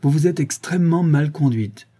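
A man's voice: fairly low pitch, expressive, moderate pace, dark tone, breathy edge. A man reading aloud and voicing a stern middle-aged housekeeper who scolds a runaway girl sharply. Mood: scolding.

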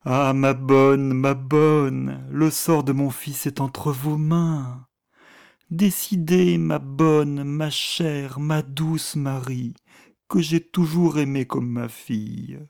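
A man voicing a scheming, fawning prince who talks in a soft, wheedling way, in an audiobook reading. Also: medium pitch, fairly even intonation, takes it slowly. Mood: pleading. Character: smooth, scheming middle-aged male prince, fawning.

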